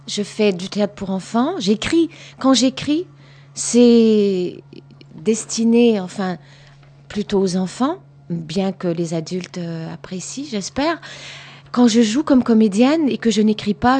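After a performance, a Canadian actress fields questions from kids in an animated but unhurried way. Her mid-range voice is dark and slightly rough, and she explains the stage work patiently, repeating key words for emphasis.

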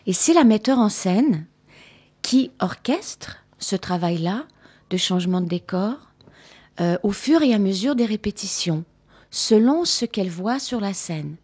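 A woman from Canada, working as a stage actress, responds to children's questions following a show. Her medium-pitched voice has a darkish tone, and she patiently explains theatre work, repeating words for emphasis.

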